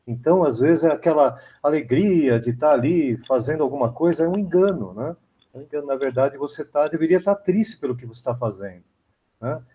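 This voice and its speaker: Husky Brazilian man, dark voice. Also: fairly high pitch, lively intonation, fairly quick. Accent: Brazilian Portuguese. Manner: rambling, repeats "né?" often. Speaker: church member in discussion. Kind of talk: church Bible study discussion.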